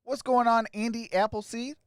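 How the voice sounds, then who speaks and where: A man hosting a sports live stream, casually greeting viewers by name and giving shout-outs as he reads their comments. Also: very high-pitched, flat delivery, moderate pace, smooth, no room sound, studio quality.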